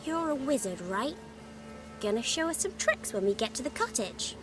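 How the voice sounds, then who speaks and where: A woman's voice: high-pitched, very animated, normal speed, over music. A woman voicing a cheeky, boisterous little village child with a British accent in a video game.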